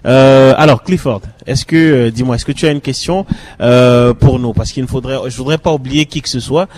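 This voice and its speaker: A young man from Cameroon, a radio journalist, moderating a live round-table and calling on students by name in an animated way. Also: mid-range voice, normal speed.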